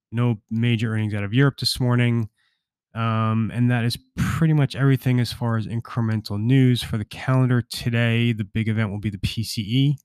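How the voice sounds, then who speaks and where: A man hosting a morning financial briefing, delivering market news in short, rapid updates with an informal, off-the-cuff feel. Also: on the low side, clear, resonant tone, no room sound. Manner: informal, off-the-cuff with hedging asides. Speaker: podcast host, market commentator.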